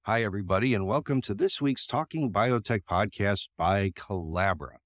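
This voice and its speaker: A man hosting a podcast, talking in a relaxed, chatty way through a tinny microphone that makes him sound like he is in a tin can. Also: fairly low pitch, normal speed, no room sound, studio quality. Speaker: podcast host. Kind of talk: casual podcast introduction. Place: makeshift spot away from his usual studio.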